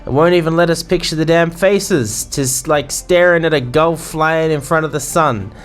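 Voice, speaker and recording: Man doing a jovial pirate-accented innkeeper, salty slang, rambling banter, fairly high voice. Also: moderate pace, soft background music, lightly acted. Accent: put-on English pirate accent. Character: boisterous male sailor innkeeper, bawdy and jovial.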